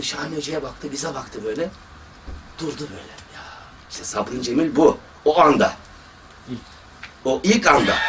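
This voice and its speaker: Man, fairly high voice, storytelling sermon, heard from a distance, faint background noise. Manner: storytelling, lively quoting of others. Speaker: surgeon giving a religious talk. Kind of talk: religious talk with personal stories.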